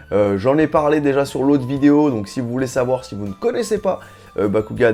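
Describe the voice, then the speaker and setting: A man's voice: a little high, warm tone. A man with a grainy morning voice hosting an unboxing vlog in informal, slangy, casual chat. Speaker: YouTube host.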